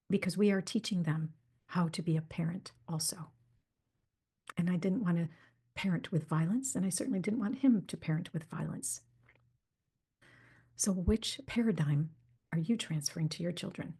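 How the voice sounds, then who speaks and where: A woman hosts her own podcast, talking through a personal story with lively acted-out dialogue. Her voice sits a little low, mellow and dark in tone with a husky edge. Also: normal speed, long pauses. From United States. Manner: animated storytelling, acts out quoted dialogue. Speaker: podcast host.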